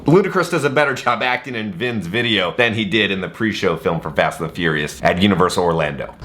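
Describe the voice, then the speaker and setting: Animated sarcastic male vlogger. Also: deep voice, quick pace, a little hiss or hum. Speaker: vlogger and host. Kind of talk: casual chatty commentary.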